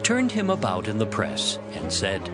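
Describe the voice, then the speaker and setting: His fairly low voice swoops wildly as he narrates scripture in an unhurried, dramatic storytelling manner, turning it into a dramatized tale. Loud music accompanies him.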